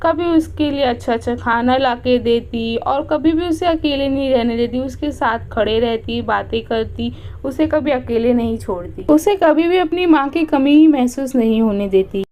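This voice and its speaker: High-voiced woman narrating a story. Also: normal speed. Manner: plain, steady storytelling.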